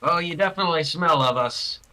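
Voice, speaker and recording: Man putting on a goblin innkeeper, welcoming, bright raised voice, game voice. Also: fairly high pitch, a little fast, rough recording. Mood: friendly.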